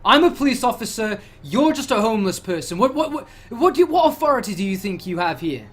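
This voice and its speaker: A man voicing a lazy, dismissive male desk cop who blusters and shouts. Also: high-pitched, big pitch swings, fast talker.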